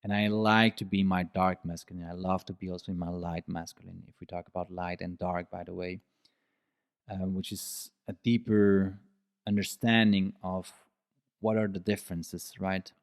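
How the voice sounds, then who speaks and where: A man talks through his ideas in a reflective solo podcast, earnest and explanatory. His voice sits somewhat low, and he repeats key phrases to drive them home. His English has some non-native slips in phrasing and grammar. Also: flat delivery, moderate pace, smooth. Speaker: podcast host.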